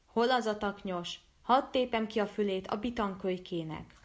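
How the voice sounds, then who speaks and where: A woman's voice: expressive, natural voice. A woman doing a shrieking furious village woman. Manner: shrill, scolding.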